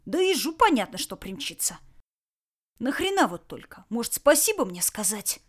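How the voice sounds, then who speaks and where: A woman voicing a gruff, blunt young male commander who grumbles and taunts coarsely. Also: a little high, big pitch swings, moderate pace, voice pushed up. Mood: taunting. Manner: grumbling, coarse and dryly mocking.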